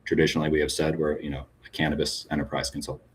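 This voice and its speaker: A cannabis business guest speaks frankly in a conversational podcast interview, often ending points with "right?". His rumbling low voice is monotone and racing, with a little hiss or hum.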